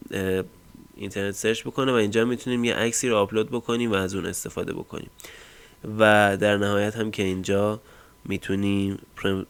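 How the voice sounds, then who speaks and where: A man hosting a casual screen-recorded software tutorial, explaining step by step with frequent fillers and trailing line ends. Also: on the low side, clear, resonant tone. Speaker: tech tutorial host.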